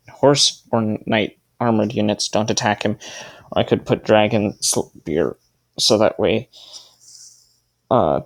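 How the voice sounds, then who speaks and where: Thinking aloud as he puts together a team, a man offers casual gameplay commentary and fixes his own mistakes as he goes. His voice is lowish and gravelly, and he makes gaming videos.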